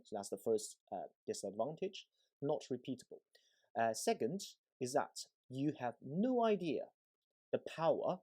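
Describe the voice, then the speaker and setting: An EMC engineer, presenting, talks through a technical demonstration in a casual way with a mellow, medium-pitched male voice. He stresses points by repeating words and keeps checking in with quick tags like "right?" and "okay?"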